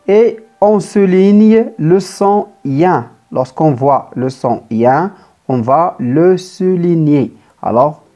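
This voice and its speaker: A primary school teacher giving a reading lesson to young pupils, talking slowly and repeating words, spelling out letters and syllables one by one. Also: medium pitch, dark tone. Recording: dull lo-fi sound with faint background music.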